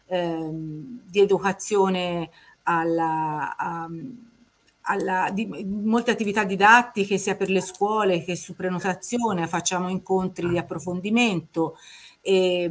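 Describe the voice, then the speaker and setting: A middle-aged woman explaining things as a guest on a live online panel, often pausing and rephrasing as she goes. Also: on the low side. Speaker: museum representative, guest. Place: small office with bookshelves. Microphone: computer mic on a video call.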